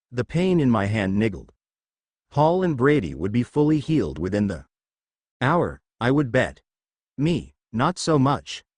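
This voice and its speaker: Male narrator with a lively, dry read. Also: medium pitch, no room sound. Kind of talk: first-person fan fiction narration.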